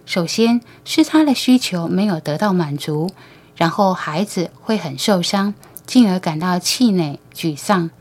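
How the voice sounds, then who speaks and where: A woman narrates an audiobook story at a steady, measured pace. Her reading is even and scripted, keeping a plain storytelling flow. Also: lowish voice.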